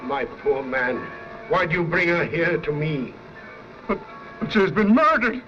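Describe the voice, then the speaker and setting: An actor playing an excitable small-town official promising justice, in 1930s film acting. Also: male voice, on the high side, a little slow. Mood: agitated authority. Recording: dull old film soundtrack under loud music.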